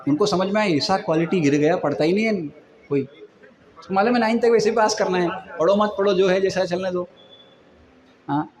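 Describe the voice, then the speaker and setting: A man giving a casual devotional talk, acting out the people he describes. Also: sits high. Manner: conversational, acts out quoted people. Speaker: preacher. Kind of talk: Hindi devotional lecture.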